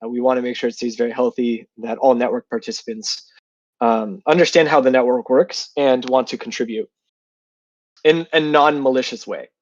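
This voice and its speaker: Congested and nasal from a sinus infection, this medium-pitched man speaks at a normal speed as a guest developer in a relaxed online interview. He works through his answers out loud with lots of fillers, captured on a dry, lo-fi recording.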